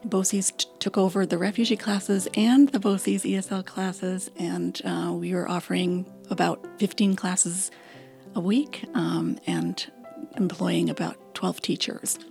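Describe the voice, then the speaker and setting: A woman program coordinator answering interview questions in a relaxed way, with frequent fillers. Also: on the low side, vocal fry.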